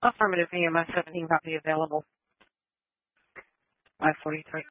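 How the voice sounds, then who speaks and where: A male emergency dispatcher giving brisk, clipped call codes over a two-way radio transmission. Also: a little high, level tone. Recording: tinny narrowband radio.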